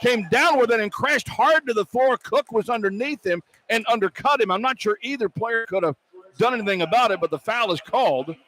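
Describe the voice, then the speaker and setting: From his post inside a large indoor arena, an American man calls live basketball action for radio and reads sponsor spots. His voice is very high, a bit bright and a little fast, and the recording is rough. Background noise from the arena runs through the live broadcast.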